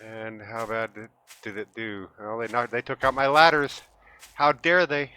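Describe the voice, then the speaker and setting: A man's voice: mid-range voice, steady tone, moderate pace. A man with a lisp from missing teeth gives casual, sweary, self-deprecating commentary as he plays a video game. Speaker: gamer hosting a gameplay video. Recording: gunfire and game noise behind voice. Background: loud video game gunfire.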